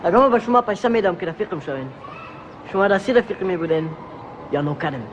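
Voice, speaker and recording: An actor with an Afghan accent playing an arrogant, menacing young bully who taunts in a sneering way. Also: male voice, high voice, expressive, big-room sound, muffled recording, noisy background.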